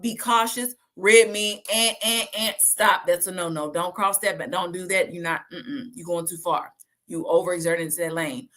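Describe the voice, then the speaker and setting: A woman, talking casually and lively to her viewers and acting out the voices she quotes. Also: mid-range voice. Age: 30s. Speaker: host.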